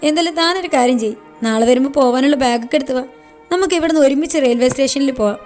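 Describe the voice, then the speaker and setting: A playful young man who teases in easy, bantering chat, as a woman reading the story gives him her own high voice. His voice sits high, with faint music behind it. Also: very fast, a little mellow, close to an everyday voice. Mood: teasing. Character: young man, teasing and easygoing.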